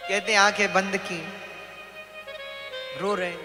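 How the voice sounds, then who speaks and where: A man's voice: sits high, level tone, measured pace. A man telling a devotional story as a preacher, dramatic and acting out the voices. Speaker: religious storyteller. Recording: reverberant hall with music.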